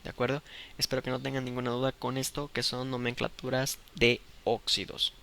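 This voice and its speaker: A man's voice: mid-range voice, monotone, brisk, vocal fry, bright, forceful tone, a little hiss or hum. A man teaching a chemistry lesson, explaining step by step in a patient way and checking often that the students follow. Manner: patient, checks understanding with "¿de acuerdo?".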